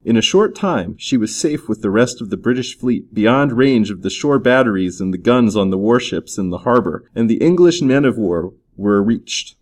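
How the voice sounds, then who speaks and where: Brief: a man reading an adventure story aloud, mid-range pitch, lively and varied delivery. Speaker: audiobook narrator. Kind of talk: scripted narration.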